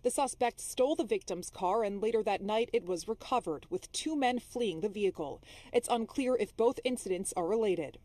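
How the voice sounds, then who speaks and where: A young woman reporting the news on a city street, speaking into a handheld mic with a crisp newsreader delivery. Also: a little high, mellow. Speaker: field reporter.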